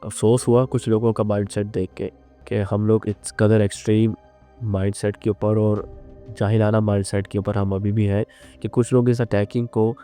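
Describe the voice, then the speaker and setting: A man giving unscripted, earnest analytical commentary on current events, pausing and restarting as he thinks. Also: fairly low pitch, dark tone. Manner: earnest, measured, with frequent restarts and fillers.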